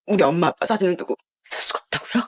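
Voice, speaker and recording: A woman's voice: lowish voice, animated, fast talker, slightly rough. An actress voicing a wronged, grieving young pregnant woman who defies her family in a dubbed TV drama. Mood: defiant, grieving. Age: young adult. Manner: tearful, pleading defiance. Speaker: pregnant niece.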